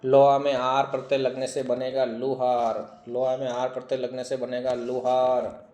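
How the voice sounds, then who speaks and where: A man teaching Hindi spelling, reading word after word slowly, repeating each one and asking questions he answers himself. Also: mid-range voice, completely flat delivery, mellow, reverberant, muffled recording. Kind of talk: online exam-prep lesson.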